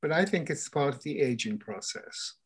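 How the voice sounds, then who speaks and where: A woman's voice: a bass voice, lively intonation, normal speed, husky. A woman in her eighties speaking frankly in a casual conversation as a guest, often repeating herself. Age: 80s.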